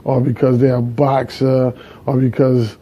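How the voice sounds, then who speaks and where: A man's voice: mid-range voice, flat delivery, a little slow. A man from Barbados interviewing casually, often murmuring agreement. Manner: affirming, lots of murmured agreement. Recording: slightly dull lo-fi sound.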